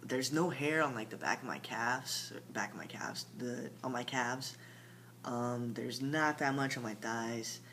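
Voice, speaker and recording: Talking a little slowly in a sharp-toned, medium-pitched voice, a young vlogger rambles through a casual video diary at home at night. He leans on plenty of fillers and slips into mumbling now and then, over a faint background hum.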